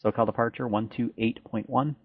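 Guy controller on aviation radio, clipped and brisk, dry dull sound. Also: medium pitch, fairly even intonation, breathy edge, dry recording. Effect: aviation radio transmission. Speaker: air traffic controller. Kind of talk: rapid radio clearances. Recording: muffled dry radio audio.

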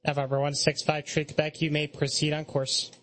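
A man's voice: fairly high pitch, monotone, a little fast, fairly bright tone. A man working as an air traffic controller, giving clipped, procedural instructions over the radio.

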